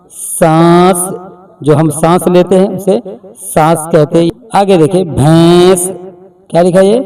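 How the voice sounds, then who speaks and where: A man leads a slow beginner reading lesson, sounding out each word and asking the listener to read it back. His voice is high and mellow, and he sounds set back from the microphone. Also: distant mic. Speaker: teacher.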